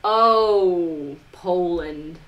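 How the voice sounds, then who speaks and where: In a low-quality recording, a woman speaks extremely slowly in a fairly low, somewhat bright voice. She's a live streamer and music producer chatting casually and rambling to her viewers, with frequent "like"s and occasional mild curses.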